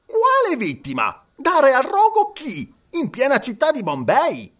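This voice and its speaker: A man voicing a pompous, stern male magistrate in an audiobook, stretching out his questions slowly. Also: very high-pitched, sing-song, a bit bright, recorded from a distance, pitched above the performer's own voice, full character voice. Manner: slow, drawn-out, pompous. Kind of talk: audiobook character voice.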